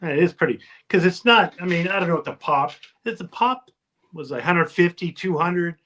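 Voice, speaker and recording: A man chatting casually on a round-table panel. His voice runs slightly high. He talks haltingly and often lets thoughts trail off unfinished. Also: sharp tone, slight background noise. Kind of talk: casual chat.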